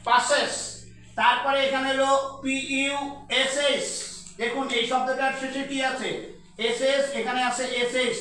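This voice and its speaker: A young man teaches grammar in a high, bright voice, repeating each sound slowly so students can copy it. He is recorded from a distance in a very echoey room. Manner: slow, repeats sounds to drill pronunciation. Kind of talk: grammar lesson.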